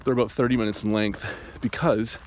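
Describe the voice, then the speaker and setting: A man with a fairly low voice gives an emotional personal monologue as a separated father. He rambles and restarts, and his pitch jumps suddenly when he gets agitated. The recording is slightly muffled, with a faint hiss behind him. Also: steady tone, fairly quick.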